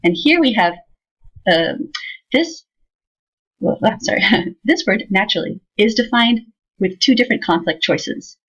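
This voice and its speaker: A woman teaching a software tutorial in a casual way, thinking aloud with fillers as she demonstrates. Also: mid-range voice, big pitch swings, a little slow, long pauses, husky. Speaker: instructor. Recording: slightly dull lo-fi sound.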